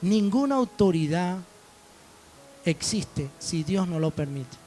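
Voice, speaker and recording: A man's voice: sits high, expressive, slow, warm tone, soft background music. A man preaching a sermon as pastor, telling stories and acting out dialogue. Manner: storytelling preacher, quoting dialogue.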